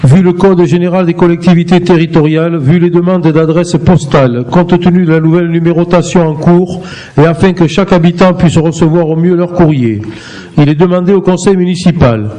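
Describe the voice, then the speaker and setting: A man on a town council reading a formal motion aloud, in a steady and formal manner. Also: on the high side, rough recording. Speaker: council member reporting a motion.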